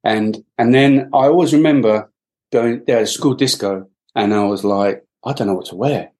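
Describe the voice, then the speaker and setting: Speaking at a moderate pace in a mid-range, darkish voice, a middle-aged man from Wales talks as a podcast guest. His reflective interview answers are peppered with fillers and restarts.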